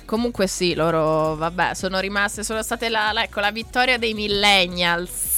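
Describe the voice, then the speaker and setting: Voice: medium pitch, normal speed, pushed and bright, soft background music. A podcast co-host speaking in casual, easygoing chat.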